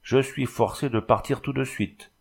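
A man voicing a busy, good-humored village notary who speaks briskly in a storybook reading. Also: medium pitch, steady tone, vocal fry, breathy edge. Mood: hurried.

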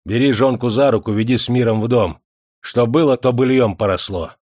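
A man's voice: mid-range voice, fairly quick, darkish tone, dry recording, studio quality, pitched above the performer's own voice, lightly acted. A man voicing a stern, fatherly old village ferryman who speaks in firm commands.

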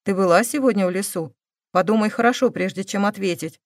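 A woman voicing a calm, stern male police investigator who presses with measured questions. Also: mid-range voice, no room sound, clean studio sound, natural voice.

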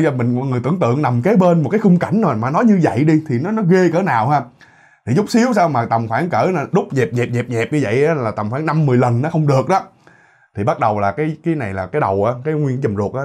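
Guy telling a ghost story, fast and husky, super chatty. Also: medium pitch. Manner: animated, chatty, frequent exclamations and tag particles. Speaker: horror story narrator. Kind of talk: casual spoken storytelling to listeners.

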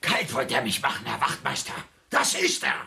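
A sharp, blustering sea captain. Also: male voice, mid-range voice, sing-song, normal speed, gravelly, full character voice. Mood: outraged. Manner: loud, indignant, repeats accusations. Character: aggrieved, blustering, hot-headed sea captain. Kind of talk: early sound film acting.

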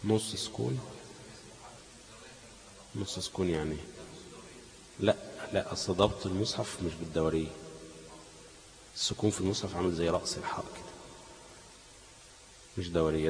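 A man's voice: low-pitched, fairly even intonation, racing, long pauses, long reverb tail, a little hiss or hum, low-quality recording. A man with an Egyptian Arabic accent teaching a class on Quran recitation, asking leading questions that the students finish.

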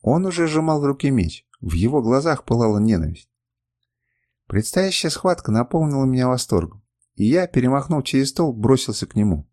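A man narrating a first-person adventure novel, his pitch moving in a lively, animated way. The reading is dramatic and the sound is dry and close, with no room around it. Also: fairly quick, no room sound. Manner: expressive, dramatic storytelling. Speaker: audiobook narrator.

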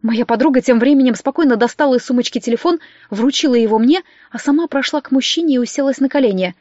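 Woman reading an audiobook, wry and lively, fairly high voice, dull dry sound. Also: fast, no room sound. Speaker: audiobook narrator. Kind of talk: first-person audiobook narration.

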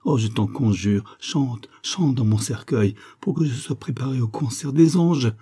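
A man's voice: medium pitch, measured pace, warm tone, breathy edge. A man voicing a feverish dying poet who passionately implores his lover in an audiobook story. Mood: imploring. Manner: impassioned, imploring.

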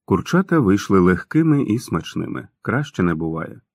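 A man narrating an audiobook in a calm, even storytelling manner. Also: sits low, normal speed, creaky, no echo, clean studio sound. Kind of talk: scripted narration.

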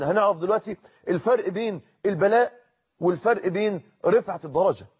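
Egyptian male preacher, high husky voice, earnest, repeats lines, dull recording. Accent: Egyptian Arabic. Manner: earnest, repeats phrases for emphasis, slows for quotations. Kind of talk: Egyptian colloquial sermon.

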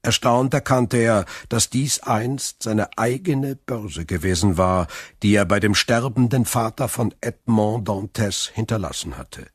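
A man reads a classic novel aloud in a measured storyteller's delivery. His voice is low and husky, and the close, dry recording has no room sound. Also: dry recording. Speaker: narrator. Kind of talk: scripted audiobook narration.

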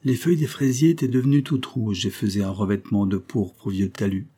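Male audiobook reader, low husky voice, measured storytelling pace. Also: fairly even intonation, dark tone. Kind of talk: reading a classic novel.

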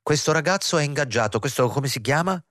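A man's voice: a little high, expressive, a little fast, fairly bright tone, no room sound, studio quality, voice pushed up. A man reading the part of a vain, haughty male theatre director with a sniffy, pompous manner.

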